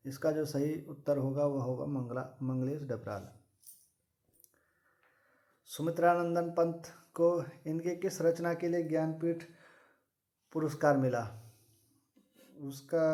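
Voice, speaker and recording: A fairly high-voiced man works through exam questions one by one. He talks at a steady, methodical pace and repeats the same set phrases for each answer. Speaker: exam prep teacher. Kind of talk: reading quiz questions and answers.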